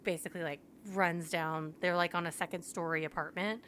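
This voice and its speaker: A woman's voice: lowish voice, steady tone, a little fast, a bit bright, a little hiss or hum. A young woman co-hosting a podcast, animatedly retelling a book plot in casual chat, sprinkling in "like" constantly. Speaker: podcast co-host.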